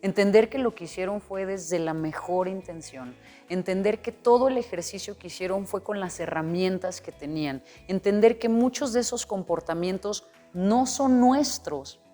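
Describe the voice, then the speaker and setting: A woman's voice: medium pitch, moderate pace, dark tone. A woman speaks as an interview guest, earnest and explanatory, now and then voicing an imagined inner dialogue. Her voice carries a long reverb tail, and faint music plays underneath. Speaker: guest coach. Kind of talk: interview conversation.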